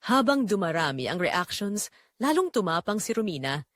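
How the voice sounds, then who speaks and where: A Filipino woman narrates a scripted drama story at a moderate pace, her mid-pitched voice rising and falling in an animated way. The sound is dry and close, with little room around it and no echo.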